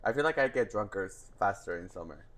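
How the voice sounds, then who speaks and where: A man co-hosting a podcast in casual chat, teasing and cutting in with quick questions. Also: lowish voice, animated, a bit bright. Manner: teasing, interjecting. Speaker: podcast co-host.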